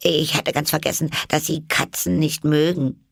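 A man's voice: on the high side, level tone, normal speed, creaky, fairly bright tone, no room sound, clean studio sound, pitched above the performer's own voice. A man reading aloud and voicing a polite, curious young girl who rambles eagerly and keeps apologizing.

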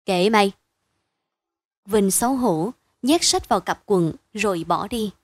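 A woman reading a bedtime story aloud in a calm, measured way. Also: medium pitch, dry recording.

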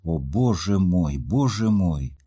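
A man's voice: sits low, lively intonation, slow, mellow, slightly rough, heavily acted. A man reading a story aloud, voicing a hurt young woman who pleads through tears. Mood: distraught. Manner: impassioned, pleading questions.

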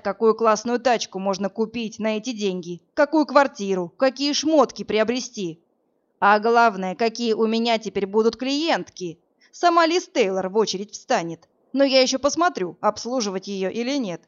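A woman's voice: a little high, normal speed, highs cut off, natural voice. A woman reading an audiobook, voicing a cruel, greedy young man who gloats and sneers over his victims. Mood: gloating.

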